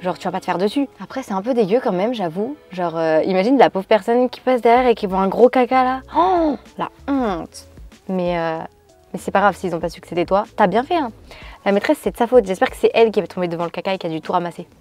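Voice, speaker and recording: A woman vlogger chatting casually, reading out viewers' stories and reacting to each one in an animated way. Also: medium pitch, quick pace, faint music behind.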